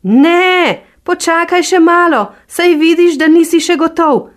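A woman's voice: extremely high pitch, pitched above the performer's own voice. A woman voicing a sly, teasing vixen in a storybook reading.

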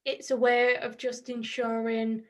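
A woman with a Yorkshire accent, a musician guesting on a casual podcast, answering gently and thoughtfully in long flowing sentences. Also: a little high, monotone, measured pace. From Northern England.

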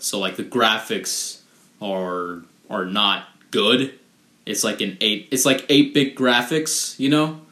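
A man's voice: on the low side, sharp tone. A young man hosting a casual solo podcast, rambling with lots of fillers and restarts. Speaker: podcast host. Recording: echoey room.

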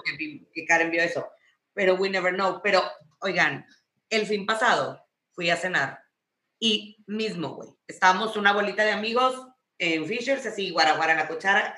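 A Mexican-accented woman tells animated, slang-heavy stories with a lot of swearing. Her voice is bright and forceful. The room adds a noticeable echo. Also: mid-range voice, normal speed. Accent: Mexican Spanish. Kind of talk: casual chat.

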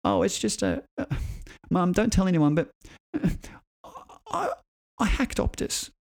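A man voicing a sheepish young boy who confesses to hacking, in a high, hushed voice. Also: huge pitch swings, a little slow, gravelly, exaggerated voice.

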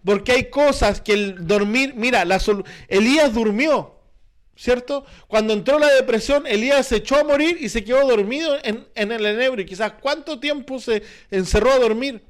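Chilean male pastor, very high voice, earnest sermon delivery, keeps asking the congregation questions. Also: normal speed. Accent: Chilean Spanish. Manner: earnest, repetitive preaching with rhetorical questions.

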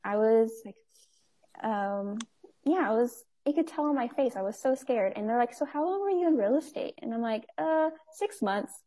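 This guest, a nonprofit owner in her twenties, keeps the interview chat relaxed, dropping in plenty of fillers and laughing easily. She speaks at a normal speed in a fairly high, mellow voice with lively intonation.

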